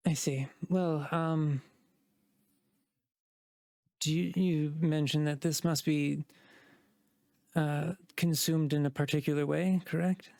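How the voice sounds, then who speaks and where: A man voicing a sleepy, slender young male elf shopkeeper who talks in a halting, hesitant way. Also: on the high side, fairly even intonation, creaky, darkish tone, no room sound. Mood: wary. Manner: hesitant and halting, full of ums.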